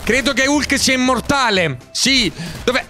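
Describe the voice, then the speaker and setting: A man giving loud, hyperactive gameplay commentary, often shouting and breaking into sing-song outbursts. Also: very high-pitched, animated, unhurried, soft background music. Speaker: gaming YouTuber.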